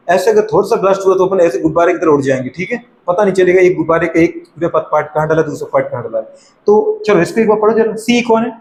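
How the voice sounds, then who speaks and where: A man with a high voice runs a classroom drill, firing short questions at students and addressing them as beta. He is recorded in an echoey room with a faint hum of ambience behind him. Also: darkish tone. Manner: quizzing students in rapid call-and-response, calling them beta. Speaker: teacher.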